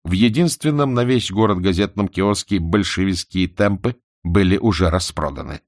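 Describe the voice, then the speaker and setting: A man narrating a humorous novel in a wry, expressive storytelling manner on a close studio mic. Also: deep voice, moderate pace, no echo. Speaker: audiobook narrator.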